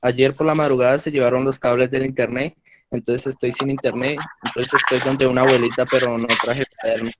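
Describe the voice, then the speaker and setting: Flat-voiced young man student on a call. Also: medium pitch, brisk. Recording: noisy muffled call audio.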